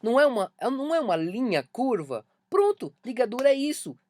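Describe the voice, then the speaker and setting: A man's voice: very high-pitched, big pitch swings, a little fast, a little mellow, no echo. A man with a Brazilian Portuguese accent gives an online music lesson, talking emphatically and repeating key points to drive them home. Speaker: music teacher.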